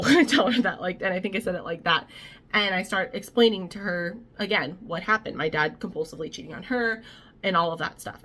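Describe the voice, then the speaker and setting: A woman's voice: on the low side, pushed and bright. A young woman vlogger telling a family story in a chatty, casual way, with many fillers and restarts.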